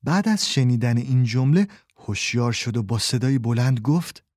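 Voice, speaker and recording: A man narrating a children's storybook in a calm, measured reading voice, close to the mic. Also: mid-range voice, no echo.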